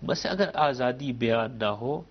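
Male scholar guest, steady lecturing delivery, builds his case with examples, somewhat muffled audio. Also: medium pitch. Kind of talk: explanatory talk on a studio show.

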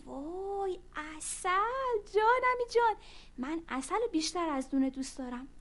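A woman voicing a greedy, whiny little ant in a children's story, demanding and calling out for help. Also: high-pitched.

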